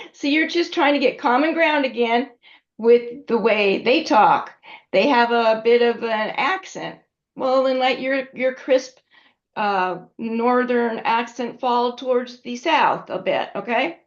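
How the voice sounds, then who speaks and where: A woman's voice: on the high side, slow pace. Woman lecturing a class, lo-fi. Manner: conversational, checks in with the class often. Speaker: instructor. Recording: dull lo-fi recording.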